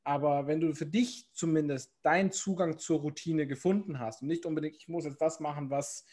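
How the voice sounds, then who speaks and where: A man's voice: a little high, fairly even intonation, a little fast, a little mellow. A man chatting casually on a podcast, rambling with lots of fillers and restarts. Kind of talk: casual chat.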